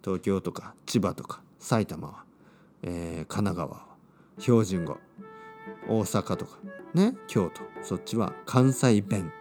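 A man from Oita, Japan, teaching Japanese to learners in slow, simple, clearly spoken sentences. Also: soft background music. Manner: slow and clear, with lively swings in pitch.

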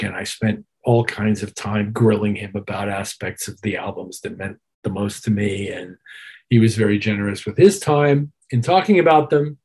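This interview guest, a musician and producer who is middle-aged or older, has a fairly low voice with a breathy edge. His anecdotes are detailed and reflective, told casually, with bits of recalled conversation performed aloud.

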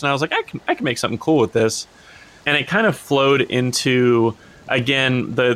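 This man has a bright, ringing voice and a middling pitch. He chats eagerly on a podcast and rambles, circling back to restart his thoughts. His delivery is loose and unscripted. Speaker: podcast co-host and player. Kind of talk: casual podcast chat.

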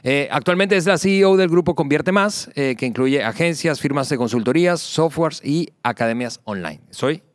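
Animated male podcast host, dry sound. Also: a little high, normal speed, hardly any pauses, no echo. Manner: animated, introduces the guest at length. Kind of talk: conversational podcast hosting.

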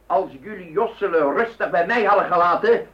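Brief: actor as an unyielding old patriarch, high reedy voice, dull echoey radio-play sound. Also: male voice, a little fast, lightly acted. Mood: stern defiant. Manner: stern, unyielding. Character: stern pious old grandfather, stubborn. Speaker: grandfather. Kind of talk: radio drama acting.

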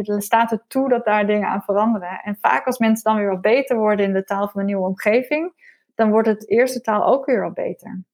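A woman's voice: mid-range voice, darkish tone. A woman language researcher explaining her findings in an interview, thoughtful and a little hesitant.

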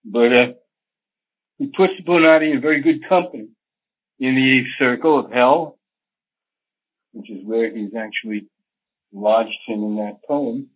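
A man's voice: mid-range voice, measured pace, long pauses. An older man, an astrologer, giving long scholarly answers in an interview, digressive and full of fillers. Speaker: astrologer guest. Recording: phone-line sound.

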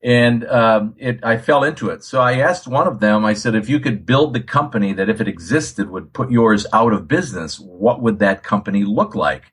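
An older man, talking as an interview guest. His voice is low and husky, and he tells his story at an easy pace, filling the gaps with "uh". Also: expressive, moderate pace, hardly any pauses. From United States. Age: 60s. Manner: storytelling, with frequent "uh" and repeated words. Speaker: guest, consultant. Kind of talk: casual interview.

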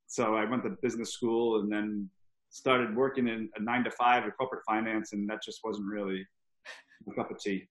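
A man in his thirties from Rhode Island, a podcast guest telling stories in a relaxed, rambling way. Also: fairly low pitch, brisk. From Rhode Island, USA. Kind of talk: casual chat. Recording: roomy echoey sound.

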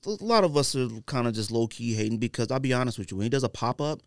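Fast and mid-range in pitch, the American man hosting this podcast chats in slang and dramatizes imagined quotes as he storytells. It's studio quality with no echo.

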